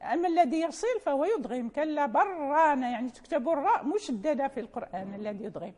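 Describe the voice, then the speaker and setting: A woman's voice: high-pitched, very animated, fast, mellow, big-room sound. A woman teaching Quran recitation in an informal classroom lecture, patiently explaining and quoting verses and poem lines in a chanting lilt.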